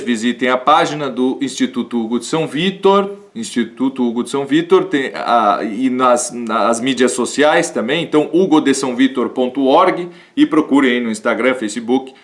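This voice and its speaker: A man from Rio do Sul giving a live-streamed lecture on classical rhetoric. He thinks aloud, restarts sentences and adds tag questions often. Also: mid-range voice.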